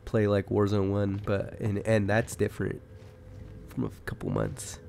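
A man doing laid-back, rambling commentary over his old gameplay while sick and clearing his throat. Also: lowish voice, very animated, measured pace, darkish tone, slight background noise. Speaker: gaming commentator.

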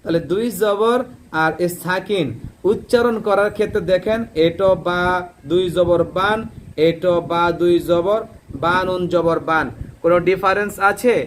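Man, Quran reading teacher, high voice, drills syllables, faint room hum. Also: steady tone, normal speed. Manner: drills syllables by repetition, asks and answers his own questions.

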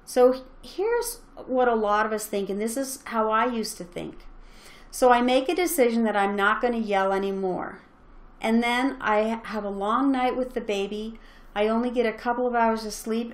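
A woman's voice: a little high, steady tone, normal speed. A middle-aged woman giving an earnest, encouraging motivational talk as a parenting coach, speaking straight to her listeners.

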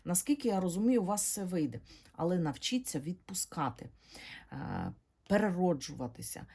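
A woman giving a tarot reading to her viewers, speaking in a gentle, halting way and calling them her dears. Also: lowish voice, very animated, creaky, slightly rough. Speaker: tarot reader.

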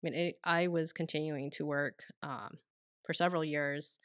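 A woman in her thirties talks on a podcast from a small quiet room. Her voice is low for a woman, and she rambles casually with plenty of fillers. The recording is close and dry on a studio mic. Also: fairly even intonation, moderate pace, no room sound. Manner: rambling, many fillers like "you know" and "um". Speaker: podcast co-host, clinic owner. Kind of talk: casual explanatory podcast talk. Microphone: studio mic on stand, headphones.

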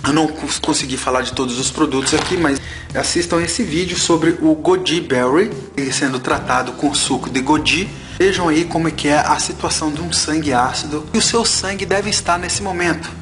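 A man's voice: a little high, moderate pace. A man in his forties vlogging about health products in an emphatic, preachy way, repeating his points, with faint music behind. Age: 40s. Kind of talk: casual vlog, unboxing and health advice.

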